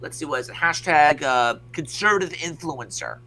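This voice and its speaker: Brash male podcast host, bright forward voice, rambling profane rant, slightly high. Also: normal speed, gravelly. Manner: rambling, profane, many restarts.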